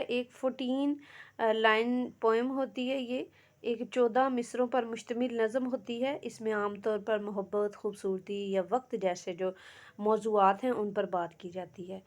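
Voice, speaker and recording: A young woman, giving a patient lecture on English literature, mixing Urdu and English and counting syllables aloud. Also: mid-range voice.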